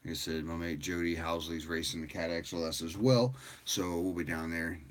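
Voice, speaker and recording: A tired man hosting a livestream, chatting casually with viewers in a rambling, relaxed way. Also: low voice, normal speed. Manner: rambling and relaxed, with frequent fillers and laughs. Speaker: livestream host.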